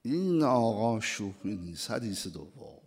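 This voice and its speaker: A man preaching a sermon, reciting Arabic phrases and translating each one, swinging between loud declamation and hushed whispers. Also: lowish voice, sing-song, slightly rough.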